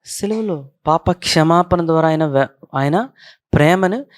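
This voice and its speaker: Higher-voiced pastor preaching conversationally. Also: male voice, unhurried, no room sound. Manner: keeps checking that listeners follow, repeats key points. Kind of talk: conversational sermon.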